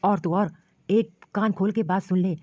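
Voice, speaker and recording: A woman's voice: mid-range voice, moderate pace, darkish tone, no echo, natural voice. Woman doing a stern old father-in-law. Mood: scolding. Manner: scolding, commanding. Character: stern caring elderly father-in-law, protective. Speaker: cartoon voice actor. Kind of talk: storybook cartoon dialogue. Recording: dull lo-fi dry recording.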